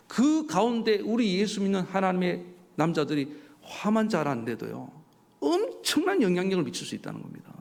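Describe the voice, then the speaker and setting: A male pastor delivering a sermon, animated and full of rhetorical questions to his congregation. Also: high-pitched, gravelly. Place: church sanctuary. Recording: church hall reverb.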